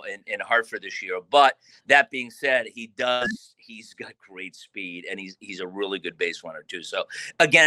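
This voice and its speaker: Bright-voiced man answering interview questions. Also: fairly low pitch, no echo. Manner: relaxed, rambling, with frequent restarts and fillers.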